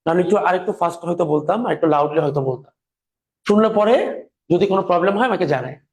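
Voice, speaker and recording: A man teaching a grammar lecture slowly and patiently, repeating his examples while speaking through a sore throat. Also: high-pitched, lively intonation.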